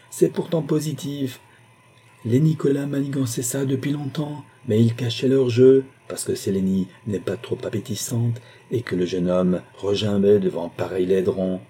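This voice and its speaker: A man's voice: medium pitch, husky, pitched above the performer's own voice, lightly acted. A man voicing a blustering, bitter middle-aged husband in a storybook reading, talking vehemently. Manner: excited and vehement.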